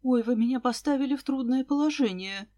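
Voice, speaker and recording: Narrator doing a jittery woman stuck answering questions, high and hesitant, dry sound. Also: brisk, warm tone, no echo, lightly acted. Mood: flustered. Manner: hesitant, uneasy replies. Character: nervous, flustered woman being questioned.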